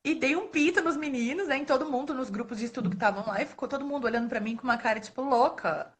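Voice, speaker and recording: A Brazilian librarian in her thirties, appearing as a guest speaker, tells stories casually during a live talk, her voice sitting high and moving very fast. She's relaxed and animated, laughs often, and acts out the voices of the people in her stories, picked up by a phone or webcam on a live stream.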